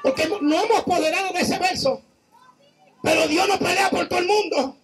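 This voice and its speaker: A man preaching a fervent Pentecostal sermon, shouting exhortations and calling out praise again and again. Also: extremely high pitch, brisk.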